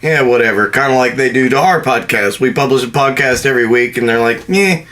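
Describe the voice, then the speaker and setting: A man's voice: medium pitch, steady tone, fast, sharp tone, a little hiss or hum. A man co-hosting a podcast in casual chat, making dry, teasing asides. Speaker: podcast co-host.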